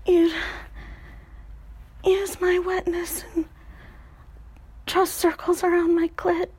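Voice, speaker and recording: A young woman tells an intimate story in a soft, breathy whisper. Her voice sits high, and she takes her time, letting sighs fill the pauses between slow, unhurried phrases. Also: flat delivery.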